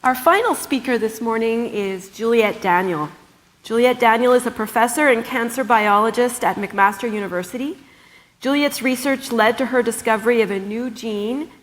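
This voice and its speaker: A woman emceeing a conference, briskly announcing and introducing the next speaker. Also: on the high side. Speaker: event emcee. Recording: hall reverb with audience.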